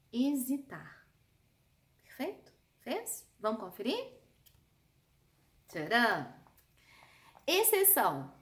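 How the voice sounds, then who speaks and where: Brazilian woman, lively online language teacher, slightly high voice, affectionate chatty delivery. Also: roomy sound. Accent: Brazilian Portuguese. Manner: lively, chatty, calls students "amor". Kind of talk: online spelling lesson.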